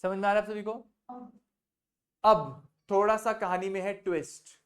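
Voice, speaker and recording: A man's voice: high voice, steady tone, normal speed, a bit bright. A man with an Indian accent teaching an online spoken English class, patiently quizzing students by name and mixing Hindi with English.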